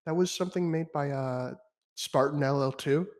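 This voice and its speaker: A young man on a podcast, ranting in casual chat, animated and swearing freely. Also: fairly high pitch, moderate pace. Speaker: podcast guest.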